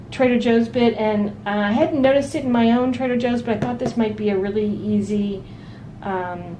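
A woman chatting casually at home while showing off her weekly grocery haul, relaxed and full of ums and restarts. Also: fairly high pitch, slight background noise. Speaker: vlogger. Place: home dining room at a table.

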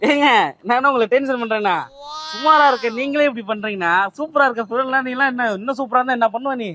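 A man's voice: very high voice, quick pace, sharp tone. A young man doing a street prank, pushily pleading and calling after a woman outdoors. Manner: pushy, wheedling, keeps calling out to her.

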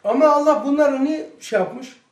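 A man giving a religious lesson to a small circle, telling stories in an animated, emphatic way. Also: very high-pitched, normal speed. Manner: animated storytelling, emphatic outbursts. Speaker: religious study teacher. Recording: echoey room, mic far off.

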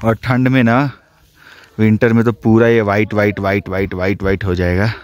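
A man's voice: on the low side, flat delivery, moderate pace. A young man chatting casually to camera on a travel vlog, teasing his friends and mixing in English words, filmed at arm's length outdoors on a mountain road. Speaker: travel vlogger. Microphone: handheld camera at arm's length.

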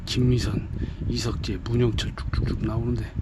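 A man's voice: mid-range voice, little pitch movement, brisk, heavy background noise. A man telling a comic love story in a playful, chatty way with wry asides.

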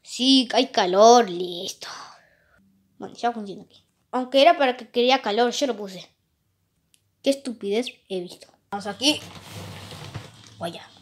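A woman doing playful plush-toy role-play of a video game, jumping quickly between excited, squealing character voices. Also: on the high side, husky.

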